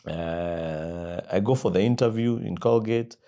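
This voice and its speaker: Animated Kenyan man telling stories. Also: deep voice, a little slow, muffled recording. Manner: animated storyteller who acts out quoted dialogue and laughs loudly. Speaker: guest, company founder. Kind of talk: storytelling interview.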